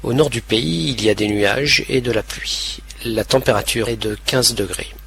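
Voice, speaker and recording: A man narrating a scripted language lesson in a slow, clear, carefully pronounced way. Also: mid-range voice, fairly bright tone.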